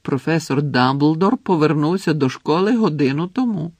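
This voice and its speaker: A man's voice: fairly high pitch, lively intonation, normal speed, darkish tone, no echo. A man voicing a chatty, cheerful male ghost eager to share gossip, in a storybook reading.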